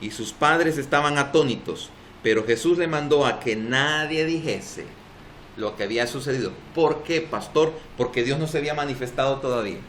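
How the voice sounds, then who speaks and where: A man's voice: mid-range voice, moderate pace, a bit bright, slight background noise. A man with a Salvadoran accent preaching a sermon as pastor at a church service, emphatic and drawing responses from the congregation. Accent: Salvadoran Spanish.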